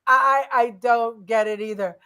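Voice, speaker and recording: High-voiced, laughing woman co-host. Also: steady tone, measured pace, bright, forceful tone, clean tone. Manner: laughs constantly, shrieking reactions. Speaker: co-host, comedian. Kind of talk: casual talk show banter.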